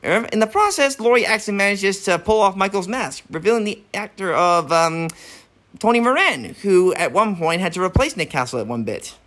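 Lively high-voiced man recapping a film. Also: a little fast. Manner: animated, swears freely. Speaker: podcast co-host. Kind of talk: casual film recap chat.

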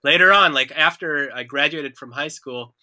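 A man, chatting casually as a musician guest in an interview, relaxed and self-deprecating. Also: fairly high pitch, normal speed, no echo. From Israel.

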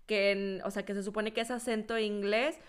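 A woman's voice: medium pitch, fairly even intonation, moderate pace, smooth. A woman with a Mexican accent, chatting casually and self-deprecatingly, often using fillers as she talks. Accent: Mexican Spanish. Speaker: language learner. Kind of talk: casual conversation.

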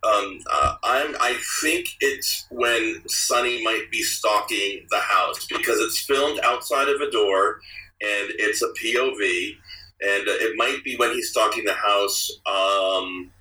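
A man's voice: lowish voice, slow, bright, forceful tone, far from the mic, rough recording. A man, an author being interviewed, talking casually with many fillers and restarts.

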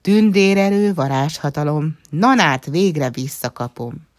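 A woman's voice: low-pitched, lively intonation, no echo, studio quality. A woman voicing a stubborn, squabbling little girl fairy who chants spells insistently. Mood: excited.

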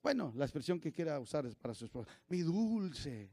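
A man, preaching a sermon as pastor, swinging from shouted preaching to low confiding asides. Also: sing-song, very fast, gravelly, breathy edge.

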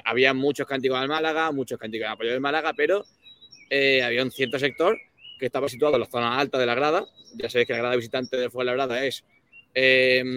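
A man's voice: mid-range voice, a bit bright, a little hiss or hum. A man from Spain giving a sports radio report, explaining at length with fillers.

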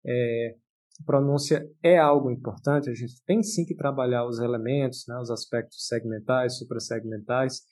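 A man co-hosting a podcast, speaking in a measured, reflective way with many fillers. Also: medium pitch, fairly even intonation, a little mellow. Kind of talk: casual discussion.

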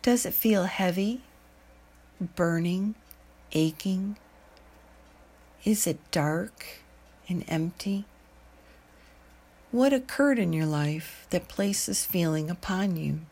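Slow, soothing woman guiding a meditation. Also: lowish voice, breathy edge. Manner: slow, soothing, calm delivery with long pauses. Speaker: meditation guide. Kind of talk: guided meditation narration.

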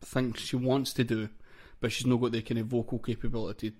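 A Scottish man talks as the host of a laid-out review chat. His pitch is average and his manner is informal, with casual wording and some swearing. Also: level tone, brisk, a little mellow. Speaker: host of a hip hop review show.

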